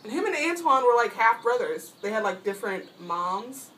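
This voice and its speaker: A woman's voice: very animated, moderate pace, fairly bright tone. A young woman vlogging from home, telling a long rambling story and saying "like" constantly. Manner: rambling, says "like" constantly, mimics friends in high voices. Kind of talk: casual storytelling. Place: at home, painting her toenails. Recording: distant mic, faint background hiss.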